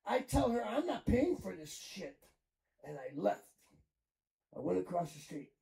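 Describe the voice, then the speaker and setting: A man's voice: very high-pitched, vocal fry, dark tone. A middle-aged man from Chicago doing crude, rambling stand-up comedy with crowd work on a club stage. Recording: echoey club room, mic at a distance.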